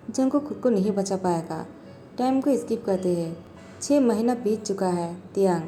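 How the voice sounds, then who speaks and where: Woman narrating a fan story, mellow voice. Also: medium pitch. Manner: narrates and voices every character herself with little change.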